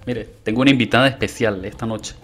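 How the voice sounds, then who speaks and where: A man's voice: lowish voice, fairly even intonation, quick pace, a bit bright, faint music behind. A man co-hosting a comedic radio show, teasing his partner. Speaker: radio co-host.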